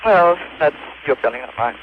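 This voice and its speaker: Phoning a radio show, a young adult man puts on an affected accent as a solemn, cryptic cult grand master, delivering slow, evasive pronouncements. His fairly high voice has lively intonation and sits below his own natural pitch yet close to everyday speech, with a little hiss or hum on the muffled line.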